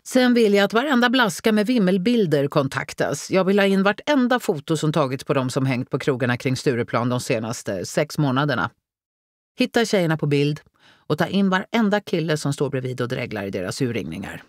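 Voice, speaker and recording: A woman's voice: low-pitched, big pitch swings, no echo, studio quality, pitched above the performer's own voice. A woman reading an audiobook, voicing a male detective who hands out tasks with hesitant fillers. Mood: directive. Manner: hesitant, with many "eh" fillers, businesslike.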